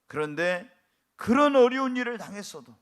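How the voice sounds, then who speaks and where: A man's voice: sits high, animated, moderate pace, fairly bright tone. A middle-aged man preaching an emphatic sermon as pastor, acting out prayers and quarrels as he goes.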